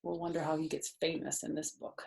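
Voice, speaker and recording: An older woman with a deep, creaky, darkish voice hosts a children's storytime from a back porch outdoors, heard through a computer or device on a video call. She reads a picture book aloud and chats with young listeners, explaining things simply in a level tone at a slightly fast pace.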